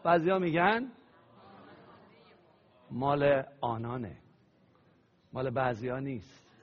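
Male pastor, sermon, call-and-response, high pitch, long church reverb. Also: breathy edge. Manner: preaching with call-and-response to the congregation. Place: church hall. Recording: dull lo-fi sound with long hall reverb.

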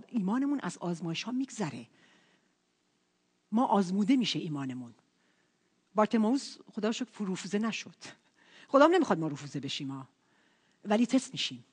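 A woman preaching a sermon and putting questions to the congregation in an animated way. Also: medium pitch, breathy edge. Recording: reverberant hall.

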